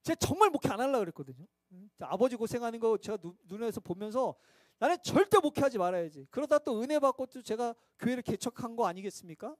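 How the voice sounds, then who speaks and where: A man's voice: extremely high pitch, expressive, fast talker, few pauses, a little mellow, no echo. A man preaching a sermon as pastor at a midweek church service, conversational and self-mocking, asking his listeners rhetorical questions.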